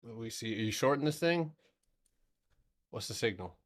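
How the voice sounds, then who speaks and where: A man's voice: medium pitch, expressive, normal speed. A man in his thirties hosting a trading live stream, talking loosely through charts, swearing now and then and answering his chat. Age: 30s.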